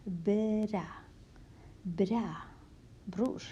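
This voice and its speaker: Soft-spoken woman teaching letters. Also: mid-range voice, lo-fi sound, slight background noise. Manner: slow, patient, repeats words, often drops to a whisper. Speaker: language teacher. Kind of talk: handwriting lesson in Kurdish letters, explained in Swedish.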